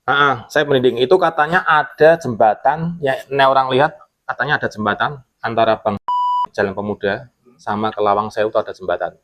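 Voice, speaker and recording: His voice sits at medium pitch and moves briskly. In a casual podcast chat, the former security guard shares a ghost story with plenty of animation, voicing the quotes of his old coworkers.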